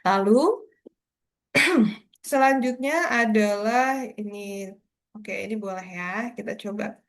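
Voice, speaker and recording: A woman's voice: medium pitch, takes it slowly. A woman leading a beginners' public speaking workshop, encouraging her audience and demonstrating tongue twisters and intonation aloud. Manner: encouraging, addresses audience as Bapak Ibu and kakak-kakak. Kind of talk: workshop lecture.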